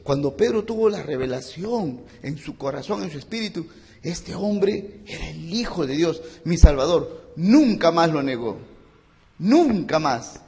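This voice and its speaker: A man's voice: a little high, sing-song, unhurried, vocal fry, darkish tone, big-room sound. A man preaching a sermon as a pastor, impassioned and repeating phrases for emphasis. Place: church.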